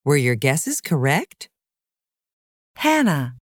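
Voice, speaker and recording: A woman's voice: low-pitched, sing-song, slow, dry recording, clean studio sound. A woman reading scripted instructions for a language lesson. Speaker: audio narrator.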